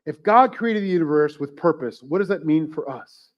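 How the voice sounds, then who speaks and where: A man's voice: fairly high pitch, expressive, normal speed, dull audio. A man preaching as pastor to his church, chatty and joking, asking the congregation questions. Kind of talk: sermon.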